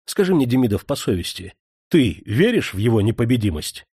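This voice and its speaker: A man reading an audiobook and voicing a brooding, irritable aging prince and commander who speaks in a low, gloomy voice and breaks into sharp, angry shouts. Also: big pitch swings, brisk, breathy edge, no echo, clean studio sound.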